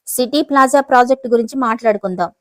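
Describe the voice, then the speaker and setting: A pushy, indignant company boss, as a woman narrator plays him, loud and quick to anger. The voice is a little high and recorded dry and close. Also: no room sound, lightly acted. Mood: angry, pushy. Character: angry, pushy middle-aged company CEO.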